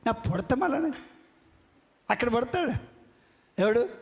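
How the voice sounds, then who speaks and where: A man's voice: extremely high pitch, expressive, slow, creaky. A man preaching a fiery sermon, scolding and calling out questions to the congregation. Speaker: pastor. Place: church hall. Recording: echoey church hall.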